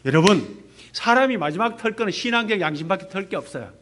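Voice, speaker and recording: Talking at a quick pace in a voice that sits high, a fifty-something missionary pastor gives a lively testimony sermon in a church service. He directs questions to the congregation.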